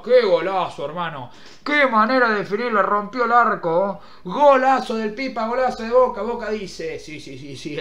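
A young man with an Argentine Spanish accent, doing mock football commentary over a video game, swinging between shouted play-by-play and muttered grumbling. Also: high-pitched. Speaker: gaming youtuber.

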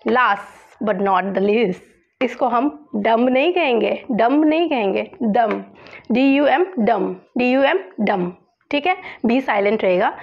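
Woman teacher, unhurried lesson delivery, raspy edge, muffled lo-fi audio. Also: a little high. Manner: slow, patient, asks and answers her own questions. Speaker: English pronunciation teacher. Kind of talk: spoken lesson, spelling words letter by letter.

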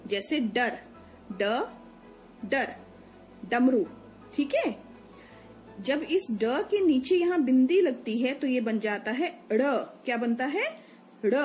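A woman's voice: high voice, a little mellow, low-quality recording. A woman teacher patiently explaining Hindi letters to young children, repeating each sound and checking that they follow. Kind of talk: children's Hindi alphabet lesson.

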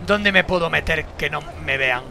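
A young man, streaming a game with casual commentary, swearing and bursting into shouts. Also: a little high, normal speed, creaky, noisy background.

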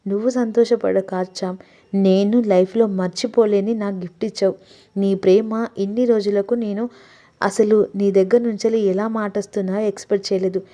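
Woman doing young guy in love, earnest, vowing, warm soft tone. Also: mid-range voice, fairly even intonation, a little fast, lightly acted. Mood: pleading. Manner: earnest, swearing devotion.

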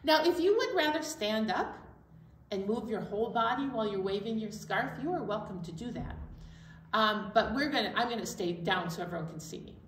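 In an indoor library storytime room, a middle-aged woman leads storytime for young children, speaking to them directly and explaining things simply. Her medium-pitched voice is fairly bright, with lively intonation and a brisk pace. The recording sounds roomy, with a distant mic and faint room noise.

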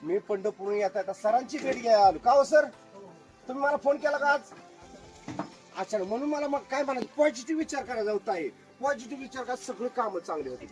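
A middle-aged magician works an outdoor farm crowd. His voice sits high for a man, and he is a joking showman who keeps calling for loud applause. Clear music plays behind him. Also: animated, fast talker. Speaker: magician performing for a tour group. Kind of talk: lively stage patter with crowd banter. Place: outdoors at an agro-tourism farm.

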